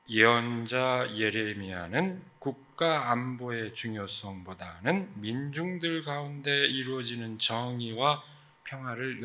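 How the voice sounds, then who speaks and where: A man delivering a sermon from the pulpit, his voice strikingly bright and forward. He talks in an earnest, emphatic way, pausing on fillers and then driving hard on key phrases. His pitch sits in an ordinary middle register. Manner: earnest, emphatic preaching with sudden loud stresses and fillers. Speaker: pastor.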